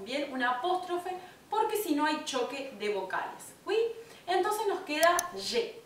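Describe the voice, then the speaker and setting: Female language teacher, high animated voice, slow and patient delivery, echoey room. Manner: lively and patient, checks in with frequent "¿bien?". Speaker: French teacher. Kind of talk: online language lesson. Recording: echoey room, mic at a distance, faint rumble.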